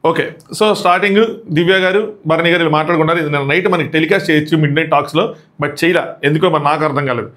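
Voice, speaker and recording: Rapid, high-voiced young man reviewing an episode. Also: steady tone, fairly bright tone. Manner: rapid, chatty, mixes English words into his talk. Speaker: YouTube show reviewer and host. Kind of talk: casual episode review commentary.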